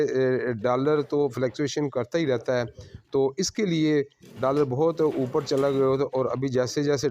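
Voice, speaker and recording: A man working as a solar installer, giving a plain, unhurried on-site explanation of his work to viewers at a house. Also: mid-range voice, darkish tone, muffled recording.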